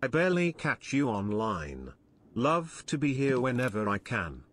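A male text-to-speech voice reading out viewer messages in a flat synthetic way. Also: medium pitch, unhurried.

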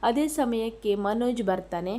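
A woman retelling a TV serial episode in a steady recap voice. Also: fairly high pitch, a little slow. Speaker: storyteller.

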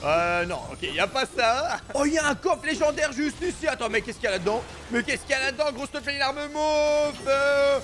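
A young man commentating his own Fortnite match, animated and slangy, swinging between excitement and mock panic. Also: extremely high pitch, brisk, hardly any pauses. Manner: animated, slangy, keeps saying "gros" and "mec". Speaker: gaming YouTuber.

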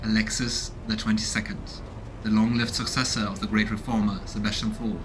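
Recording in a small room at home amid background noise, a man in his thirties does let's-play commentary, casually curious, reading game text and musing aloud. His voice is on the low side, delivered flat and brisk.

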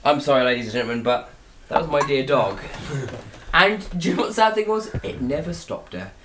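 A man on a podcast telling a story in casual chat, animated and profane, laughing as he goes. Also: fairly high pitch, fast talker, noisy background. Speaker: podcast co-host.

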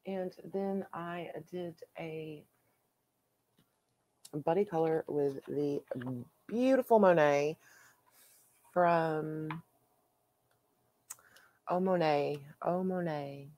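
A woman hosting her own coloring channel, chatting casually and haltingly with plenty of fillers as she shows her finished pages. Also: low-pitched, dark tone. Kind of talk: casual show-and-tell.

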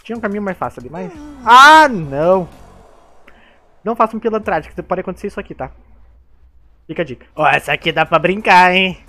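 A man with a Brazilian accent giving excitable gameplay commentary, laughing often and talking to the other players. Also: sits high, racing, faint music behind. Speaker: gamer.

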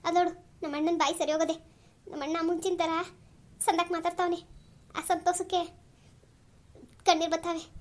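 A woman's voice: very high voice, level tone, moderate pace, long pauses. A woman voicing a pious, devoted older sister in a cartoon, emotional and full of blessings. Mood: tearful. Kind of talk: cartoon voice acting.

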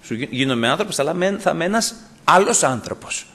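Male preacher, husky voice, fairly high pitch, fervent sermon delivery. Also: lively intonation. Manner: impassioned preaching, swings from loud to hushed. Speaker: pastor.

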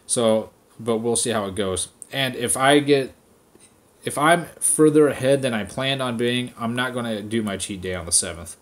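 A man's voice: medium pitch, moderate pace. Stoned man ranting, heavy swearing. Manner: profane, rambling, addressing viewers directly. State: stoned, relaxed. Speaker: vlogger. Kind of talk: casual rant to camera.

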